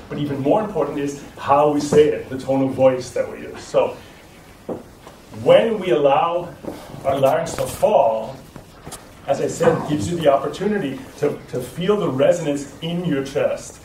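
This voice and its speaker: A man's voice: fairly high pitch, mellow, a little hiss or hum. A man teaching a voice class to a live group, explaining step by step and often restarting his sentences. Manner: explanatory, with frequent restarts and checking "right?". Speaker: voice trainer. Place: lecture room with audience. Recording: echoey room recorded from a distance.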